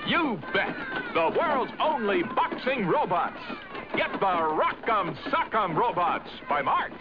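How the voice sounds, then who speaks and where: A man's voice: high-pitched, big pitch swings, slow pace. A man announcing an upbeat, salesy 1970s toy commercial, heard as a lo-fi sound taped off an old broadcast. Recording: dull lo-fi archive broadcast with music.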